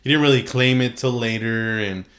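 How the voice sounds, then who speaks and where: A man's voice: mid-range voice, normal speed, a bit bright. A man hosting a podcast in a casual, slangy chat, peppering his talk with "dude" and "like". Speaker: podcast host. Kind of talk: casual chat about wrestling.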